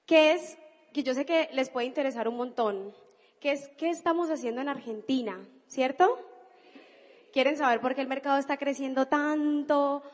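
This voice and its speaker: A Colombian woman from Cali giving an enthusiastic, emphatic motivational business talk to an audience. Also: high-pitched. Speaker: business speaker. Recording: reverberant hall.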